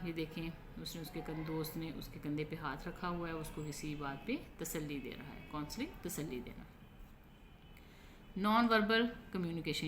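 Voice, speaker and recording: A woman from Pakistan with a Pakistani accent, teaching an English textbook lesson. She reads the English lines slowly and then explains each one. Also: fairly low pitch, fairly bright tone, slight background noise.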